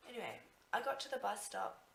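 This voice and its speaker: Female Australian travel vlogger, young, higher-pitched, chatty and rambling, captured on an echoey handheld phone. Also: fairly quick, creaky, fairly bright tone, a little hiss or hum. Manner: informal, rambling, self-interrupting. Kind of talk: casual vlog chat.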